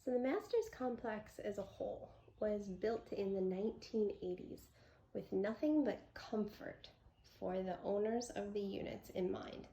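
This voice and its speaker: Woman, gushing real estate agent, enthusiastic property tour presenter, noticeable vocal fry. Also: mid-range voice, a little slow, dark tone, a little hiss or hum, low-quality recording.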